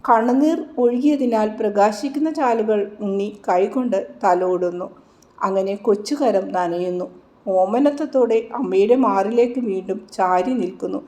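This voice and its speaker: A woman narrating a devotional story aloud in a slow, reverent manner. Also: mid-range voice, warm tone.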